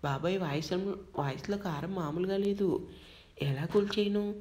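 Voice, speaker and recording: A woman voicing a timid young female assistant who pleads softly with her boss. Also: lowish voice, moderate pace, close to an everyday voice. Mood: worried.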